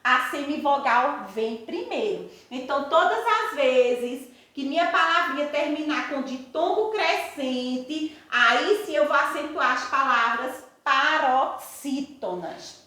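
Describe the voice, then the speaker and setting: A woman teaches a grammar class to young children, her voice high and her pace unhurried. She explains patiently, keeps circling back, and asks the class questions she then answers herself. The recording sits in a very echoey room. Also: expressive, sharp tone. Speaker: primary school teacher.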